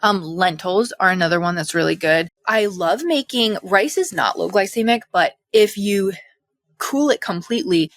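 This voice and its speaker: Young woman, chatty wellness coach, slightly breathless, mid pitch, dry sound. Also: normal speed, dry recording. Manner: chatty, animated, full of fillers. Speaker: hormone health coach. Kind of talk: casual educational talk.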